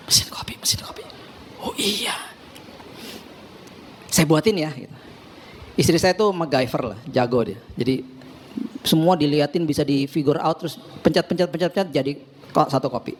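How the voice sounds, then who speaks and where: A male pastor preaching a sermon, telling a story and acting out the dialogue in lively voices. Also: high-pitched.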